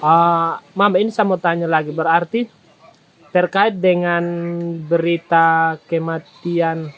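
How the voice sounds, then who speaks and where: A man with an East Nusa Tenggara accent, asking measured interview questions and humming along as he listens. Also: on the high side, fairly even intonation, a bit bright. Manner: measured questions with frequent hums. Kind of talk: field interview.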